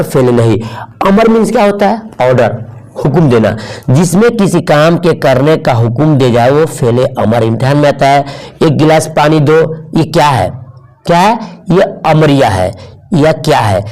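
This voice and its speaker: A man's voice: medium pitch, darkish tone, low-quality recording. Guy teaching grammar for exams, keeps asking then answering his own questions, drills stuff over and over. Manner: repeats questions and answers them himself, drilling; urges students to like the video. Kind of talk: exam-prep grammar lesson.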